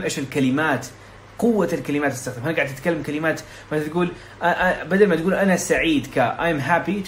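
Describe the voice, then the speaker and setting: A young Saudi man tutors casually for an exam in a chatty, fast explanatory lesson, often restarting his sentences and dropping in English terms. His voice is on the high side, with slight background noise.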